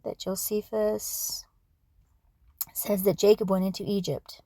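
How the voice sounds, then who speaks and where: A woman losing her voice, reading history aloud at a casual pace, with asides and throat clearing. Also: mid-range voice, flat delivery, slow, mellow, no room sound. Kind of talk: casual read-aloud for sleep.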